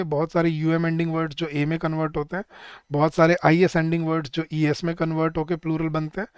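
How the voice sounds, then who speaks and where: A man's voice: a little high, clean tone, no room sound, clean studio sound. A man teaching an exam-prep grammar lesson, listing word pairs and quizzing his students. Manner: lists word pairs, quizzes students, calls them guys. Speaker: English teacher.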